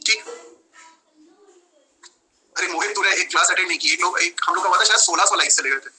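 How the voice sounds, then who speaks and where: A young man teaching law in a live online class, lively, switching between Hindi and English and acting out his examples. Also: high voice, fast, rough recording.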